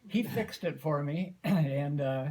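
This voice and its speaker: An American man in his eighties telling a folksy, unhurried story informally to family, often clearing his throat. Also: on the high side, darkish tone. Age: 80s. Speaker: grandfather giving an anniversary speech.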